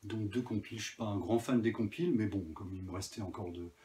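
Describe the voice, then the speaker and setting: A man's voice: fairly low pitch, fast talker, mellow. A man casually talking about his new vinyl records, enthusiastic and hesitant, with many fillers. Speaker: vinyl collector vlogger. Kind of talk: casual chat.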